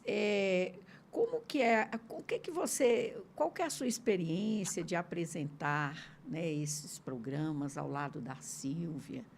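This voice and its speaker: A low, slow Brazilian Portuguese-accented woman hosts a podcast interview, and her voice has a gravelly fry to it. She asks gentle questions and often ends them with tag questions. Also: a little hiss or hum. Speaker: podcast host.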